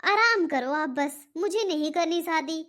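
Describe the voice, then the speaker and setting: A woman's voice: very high-pitched, animated, unhurried, fairly bright tone, full character voice. A woman voicing a stubborn, dismissive teenage girl in a cartoon. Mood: irritated. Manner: irritated, dismissive. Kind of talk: cartoon voice acting.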